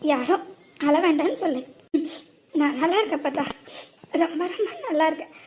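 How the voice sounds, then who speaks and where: Woman putting on a weary young guy in a cartoon, glum and brushing things off, still pretty high. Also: lively intonation, moderate pace, a little mellow, a little hiss or hum. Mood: hurt. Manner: glum, dismissive. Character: grown grandson, downcast and weary. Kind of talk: cartoon voice acting.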